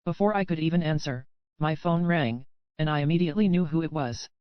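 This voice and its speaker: Woman reading an audiobook in first person, smooth clear voice, steady pace, dry slightly dull audio. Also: sits low, a little fast, no room sound. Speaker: audiobook narrator. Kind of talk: first-person scripted narration.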